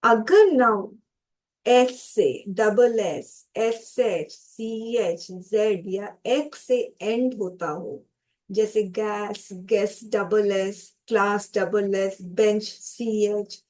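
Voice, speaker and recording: A woman's voice: medium pitch, very slow, a little mellow. A woman teaching English grammar in a lesson. She explains step by step, calls her viewers students, and answers her own questions.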